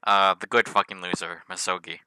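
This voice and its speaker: A man's voice: low-pitched, little pitch movement, fairly quick, pushed and bright, low-quality recording. A man chatting casually on a voice call, rambling and giggly, with frequent restarts and swearing.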